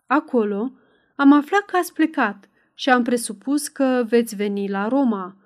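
A woman's voice: fairly high pitch, darkish tone, natural voice. A woman voicing a wary, earnest old male servant in an audiobook. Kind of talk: audiobook character voice.

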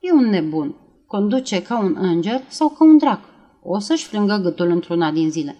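A woman reading aloud and voicing a self-assured mother who speaks low and firmly. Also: sing-song, dark tone. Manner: low and firm.

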